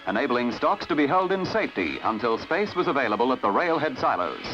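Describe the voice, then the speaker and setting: Over music on a dull, lo-fi vintage film soundtrack, an Australian-accented man delivers scripted newsreel narration with formal, dramatic announcer flair. He sounds very animated, mid-range in pitch and fairly quick.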